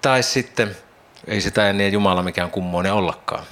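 A man's voice: deep voice, fairly bright tone. A man preaching a devotional Bible teaching, reflective, imagining the scene aloud and posing questions to his listeners.

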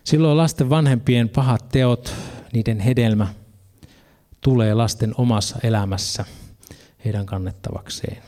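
A man's voice: medium pitch, steady tone, mellow. A man preaching a sermon, earnest, reading scripture passages and adding casual asides.

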